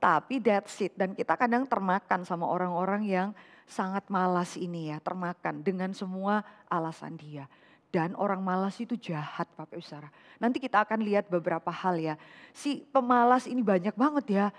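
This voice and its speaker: A woman vicar preaching a lively sermon to a women's fellowship, asking rhetorical questions and mixing in English phrases. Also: mid-range voice, normal speed, long reverb tail. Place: church hall.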